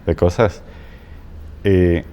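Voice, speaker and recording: A man guest coach talking in a halting way, repeating words and checking in with "¿no?". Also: deep voice, little pitch movement, dark tone, muffled recording. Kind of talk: casual conversation.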